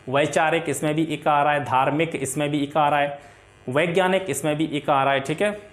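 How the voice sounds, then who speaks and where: A man with a somewhat high voice teaches a grammar lesson for exam preparation. He runs through lists of example words, poses questions and answers them himself, and keeps checking in with a quick "theek hai". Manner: explains by listing examples, often asking and answering his own questions; often adds filler checks like "theek hai".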